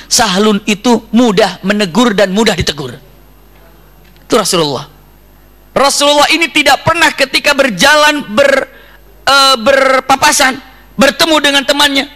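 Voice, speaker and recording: A male preacher giving a storytelling sermon to a women's study group, animated and full of religious exclamations. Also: very high-pitched. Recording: long hall reverb.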